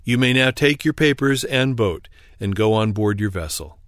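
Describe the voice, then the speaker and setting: A man's voice: mid-range voice, expressive, normal speed, clean tone, no echo, clean studio sound, lightly acted. A man voicing a stern, curt male privateer captain in a clipped, commanding way within a read memoir.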